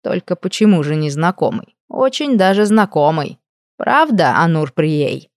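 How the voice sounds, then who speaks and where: Brief: woman voicing unhurried, gentle nymph mentor, low and knowing, dry close audiobook. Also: sing-song, no room sound, exaggerated voice. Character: calm, amused female nymph mentor, older than she looks.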